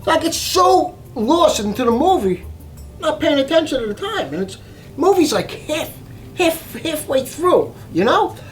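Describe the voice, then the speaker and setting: Brief: high-pitched, excitable guy spinning a long story, faint music underneath. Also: a little slow, rough recording. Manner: animated, emphatic, repeats himself. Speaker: cooking channel host. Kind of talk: storytelling vlog.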